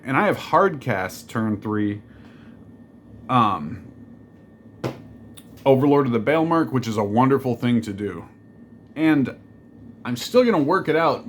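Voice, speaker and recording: Guy chatting through his card deck, loose and jokey, lots of ums, faint room hum behind. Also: mid-range voice. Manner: rambling, jokey, full of fillers and digressions. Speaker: deck reviewer. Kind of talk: casual card game deck walkthrough.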